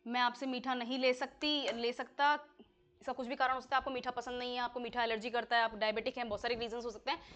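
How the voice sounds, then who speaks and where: A woman teaches an exam-prep English lesson in Hindi, working through examples one at a time. Her voice sits high, and she keeps pausing to make sure her students have followed. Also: little pitch movement, fairly bright tone. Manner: explanatory, checks in with students often.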